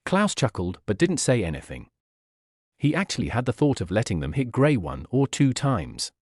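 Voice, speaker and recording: A man reading a fantasy light novel aloud as audiobook narrator, in a steady storytelling manner. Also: mid-range voice, no room sound, studio quality. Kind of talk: scripted narration.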